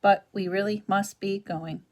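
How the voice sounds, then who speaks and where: A woman reading a children's novel aloud, voicing a calm, gentle female robot mother who speaks politely and precisely. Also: medium pitch, natural voice. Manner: polite, precise, measured speech.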